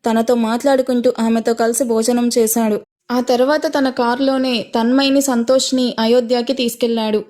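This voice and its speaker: A woman narrating an audio story in a steady, emotive way. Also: a little high, normal speed.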